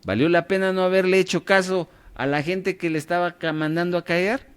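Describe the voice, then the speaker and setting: A man's voice: high-pitched, fairly quick, clear, resonant tone. A man leading a radio Bible class, quizzing his listeners and checking in often to see that they follow. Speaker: Bible study teacher.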